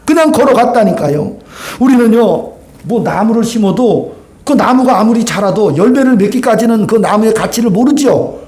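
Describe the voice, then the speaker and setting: A man's voice: sits high, moderate pace. A male pastor preaching a sermon, acting out dialogue and asking the congregation questions. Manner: animated, acts out dialogue, asks the congregation questions. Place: church sanctuary.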